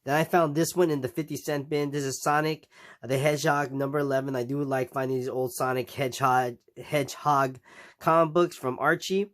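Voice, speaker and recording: A comic collecting vlogger, nasal from a recent cold, casually shows off his purchases in a rambling show-and-tell vlog. His mid-range voice is fairly quick with fairly even intonation, and he keeps saying um and restarting.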